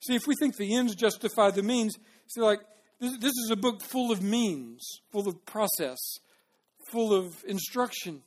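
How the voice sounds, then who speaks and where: A male pastor preaching a sermon, acting out voices from the text and swinging between loud and soft. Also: high voice, moderate pace.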